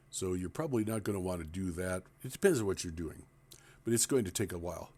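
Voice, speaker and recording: With a deep, darkish voice, a man presents a plain screen-recording tutorial, walking through a computer task one step at a time.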